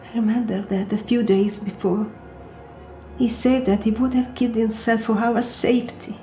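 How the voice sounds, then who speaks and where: An actress in her forties playing a grieving sister and widow in a horror film, talking in a weary, quiet voice that often drops to a half-whisper. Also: on the high side, fairly even intonation, moderate pace, soft background music, close to an everyday voice. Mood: sombre. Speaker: film character, older sister. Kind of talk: film acting.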